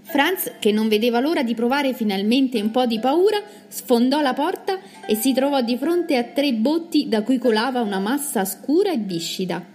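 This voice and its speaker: A woman reading a children's story aloud with expressive, dramatic narration. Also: high voice, moderate pace, few pauses, soft background music.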